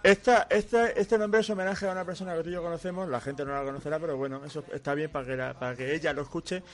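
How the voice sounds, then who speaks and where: Man, podcast co-host, playful, rolls his r, fairly high voice. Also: fairly even intonation, fast talker. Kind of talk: casual podcast chat.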